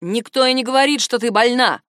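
A woman voicing a calm, persistent male AI assistant who speaks in a measured, soothing way. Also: a little high, no room sound, studio quality, close to an everyday voice. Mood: calm, insistent.

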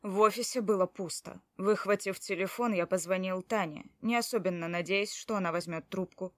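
A woman's voice: medium pitch, normal speed, a bit bright, dry recording, lightly acted. A woman reads a hot-tempered, protective man telling his own story in an audiobook. The delivery is brusque, with curses muttered under the breath. The sound is dry and close. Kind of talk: first-person audiobook narration.

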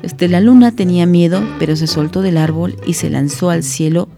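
A woman, a community radio host reading a children's story and explaining it in a gentle, teacherly way. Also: on the low side, a little fast, creaky, music in the background. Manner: gentle, teacherly, many fillers.

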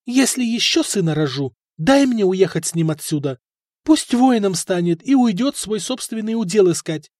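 A man reading an audiobook voices a young princess, pleading and tearful, who grows shrill with anger. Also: lively intonation, normal speed, a little mellow, no echo, studio quality.

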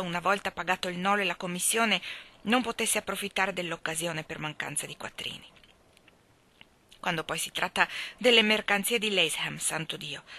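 A smooth-talking young peddler with a bright, forceful voice pitched low, as a woman reader puts him on. He rattles off his sales patter eagerly in a storybook reading. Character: chatty young working man, eager peddler.

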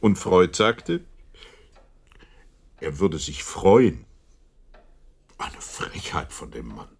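A loyal doctor in a radio play. His voice is very low and rough-edged, troubled and reflective, with an indignant streak. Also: sing-song, drawn-out words, full character voice. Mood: embarrassed, indignant. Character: loyal male doctor friend, shaken and indignant. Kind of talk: German radio drama acting.

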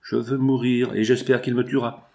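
A man's voice: mid-range voice, flat delivery, moderate pace, gravelly, dark tone, lightly acted. A man voicing a desperate, jealous young woman who pleads with her lover in an audiobook. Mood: defiant. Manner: pleading, passionate.

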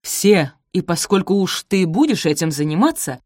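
A haughty middle-aged stepmother who snaps and barks her orders, put on by a woman narrator. Her voice is loud and shrill, and the audiobook recording is dry and close. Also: expressive, moderate pace, no echo. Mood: commanding. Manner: snapping, shrill and imperious.

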